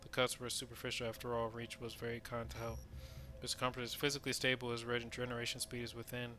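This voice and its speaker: Man playing an even-toned, weary medical researcher. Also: mid-range voice, fast, close to an everyday voice. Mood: clinical concern. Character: weary, frank medical researcher recording a progress log. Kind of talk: dramatic scripted log monologue.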